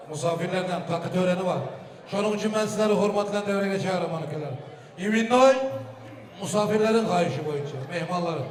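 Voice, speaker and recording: A man, not a Turkish speaker, booming out announcements to guests as a wedding master of ceremonies. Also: recorded from a distance. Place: wedding hall. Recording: echoey hall PA, music and crowd behind.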